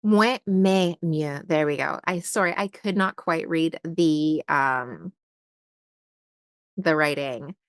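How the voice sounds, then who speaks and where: A woman's voice: low voice, slow pace, pauses often, fairly bright tone, no room sound. A young woman chatting casually while unboxing stationery and thinking aloud with lots of fillers. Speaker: stationery vlogger.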